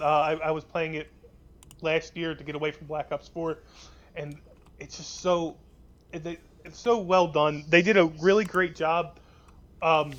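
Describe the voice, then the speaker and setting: A man's voice: on the high side, fairly bright tone, lo-fi sound. A young man co-hosting a casual gaming podcast, rambling with many restarts and swearing freely. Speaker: podcast co-host.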